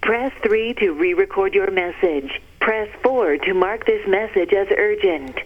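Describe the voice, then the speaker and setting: Lady voicemail prompt on a landline, tinny phone sound, little hiss, flat even instructions. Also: mid-range voice, measured pace. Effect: heard over a landline phone. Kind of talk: recorded phone system prompts.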